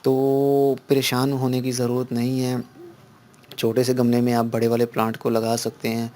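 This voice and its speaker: Man, flat even delivery, steady mid voice, patient how-to explanation. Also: mid-range voice. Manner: explains slowly, repeats points, many fillers. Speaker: gardening channel host. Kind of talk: casual instructional talk.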